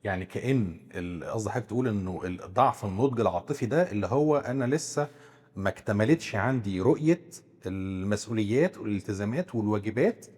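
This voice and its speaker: A man's voice: lowish voice, animated, fast talker, darkish tone, husky, in a large hall. A man with an Egyptian Arabic accent who asks questions and hesitantly rephrases points in a discussion. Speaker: psychiatrist co-host.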